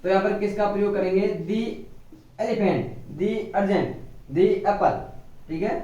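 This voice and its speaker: Man, grammar teacher, high voice, asks and answers his own questions, very echoey room, far from the mic. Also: measured pace, warm tone, highs cut off. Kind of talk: classroom lecture.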